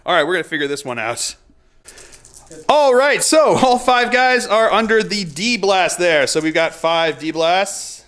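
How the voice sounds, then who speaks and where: A man with a high, bright voice talks through a tabletop battle as host, calling out dice results in a loose, casual play-by-play. He laughs often and breaks into excited whoops when the rolls turn. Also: a little slow, clean tone. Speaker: host and player.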